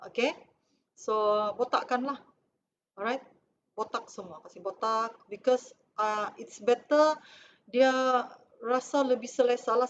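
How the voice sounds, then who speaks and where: A middle-aged woman with a Malaysian accent tells her own story as a cancer survivor, in a chatty, conversational way full of fillers. Her voice sits a little high. The recording is slightly dull and muffled, with a faint hiss behind her. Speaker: cancer survivor giving a testimonial. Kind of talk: personal testimonial talk over photos.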